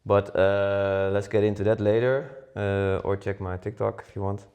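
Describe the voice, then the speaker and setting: A man's voice: lowish voice, flat delivery, moderate pace, a little mellow. A Dutch man in his forties co-hosting a podcast, chatting casually with many fillers and restarts. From Netherlands. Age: 40s. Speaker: podcast co-host. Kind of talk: casual chat.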